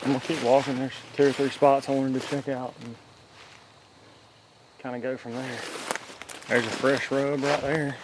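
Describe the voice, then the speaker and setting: A man giving casual, low-key murmured commentary as he scouts the woods as a hunting vlogger. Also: little pitch movement, moderate pace, pauses often. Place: outdoors in woods on ridges. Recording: noisy outdoor field audio.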